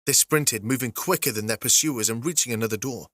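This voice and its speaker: A man narrating a fantasy audiobook in a steady, even storytelling delivery. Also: mid-range voice, fairly quick, no echo, studio quality.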